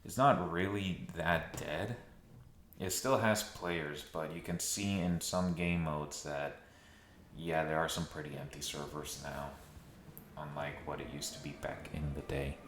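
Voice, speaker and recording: Speaking at a measured pace with fairly even intonation, this man has an extremely low pitch yet a fairly bright tone. A video essayist, he talks conversationally to viewers with occasional dry sarcasm, his voice echoing through a nearly empty room in a new home over slight background noise.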